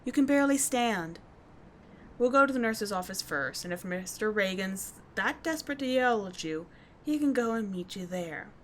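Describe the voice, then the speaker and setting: Her mid-range voice is animated and slightly bright, delivered at normal speed with light acting and a little hiss or hum. In this ASMR roleplay audio drama she portrays a tough, caring teen delinquent schoolgirl, blunt and slangy but soothing, in a casual, bossy, caring mood.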